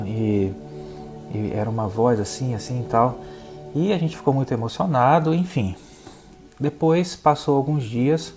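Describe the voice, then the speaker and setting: A man from Brazil with a Brazilian Portuguese accent, giving a spiritist lecture and telling a personal story in an earnest, reflective way, halting with many fillers. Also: medium pitch, mellow. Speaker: guest speaker at a spiritist center.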